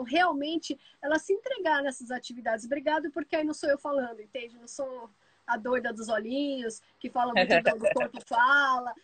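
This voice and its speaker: A woman with a Brazilian Portuguese accent hosting a live stream, telling stories fast and full of asides. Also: high-pitched, dry recording, low-quality recording. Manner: lively storyteller, talks fast with many asides. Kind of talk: casual live chat.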